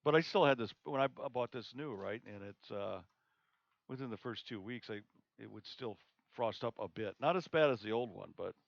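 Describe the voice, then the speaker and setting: A man hosting a live observatory stream, chatting casually and haltingly with fillers and restarts. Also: medium pitch, gravelly, no room sound. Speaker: observatory host. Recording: dull lo-fi stream audio.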